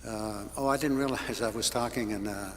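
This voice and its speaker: A singer-songwriter from French Canada with a Quebec French-Canadian accent, chatting softly and hesitantly between songs at a home-streamed concert, with lots of fillers. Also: male voice, on the low side, normal speed, big-room sound, slight background noise. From French Canada, near Quebec City. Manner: soft-spoken, hesitant, many fillers. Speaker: singer-songwriter introducing a song. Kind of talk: casual between-song chat at a livestreamed concert.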